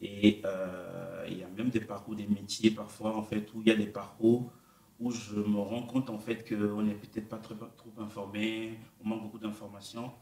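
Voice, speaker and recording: A man's voice: on the low side, level tone, normal speed, vocal fry, darkish tone, breathy edge. A man hosting a podcast interview, talking casually with lots of hesitations and fillers. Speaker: podcast host.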